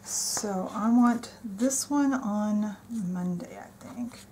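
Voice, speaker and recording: At a desk indoors, a planner vlogger chats enthusiastically while decorating her planner, thinking aloud in casual show-and-tell style. Her voice is medium-pitched, mellow and extremely slow, with a little hiss or hum in the recording.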